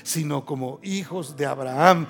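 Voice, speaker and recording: A male pastor preaching a sermon, building to loud emphatic passages and reading scripture slowly and solemnly. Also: on the high side, vocal fry.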